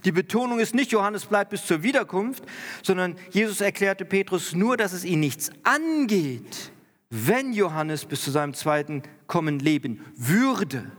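A man's voice: high voice, animated, measured pace. A pastor preaching to his congregation, explaining scripture in an earnest way and lifting his voice with emphasis when he quotes the text. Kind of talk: sermon. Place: church hall. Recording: long church-hall reverb.

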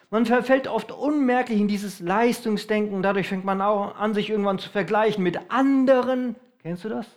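High-voiced German preacher, emphatic sermon. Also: male voice. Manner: emphatic, varies loudness, slows for stress.

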